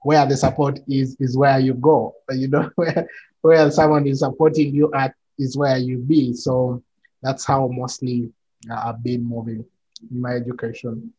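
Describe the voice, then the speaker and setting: A man, a podcast guest speaking in measured answers with frequent pauses over a video call. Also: mid-range voice, flat delivery, mellow, breathy edge, lo-fi sound. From Uganda. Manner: measured, many pauses and fillers. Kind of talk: conversational interview answers.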